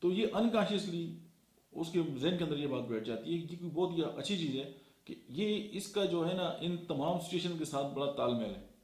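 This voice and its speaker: A man's voice: fairly high pitch, expressive, moderate pace, darkish tone. Lecturing man in an echoey room. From Pakistan. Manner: lecturing, counts points off one by one with many fillers. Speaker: motivational speaker. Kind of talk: motivational talk.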